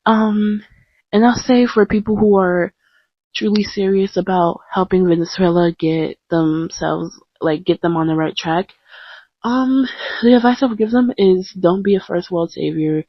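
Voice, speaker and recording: Unhurried and mid-range in voice, a young woman gives a casual, podcast-like chat, putting herself down with humor and filling it with ums and restarts. The dry home recording is dull and lo-fi, from a close mic, and the screen is blank.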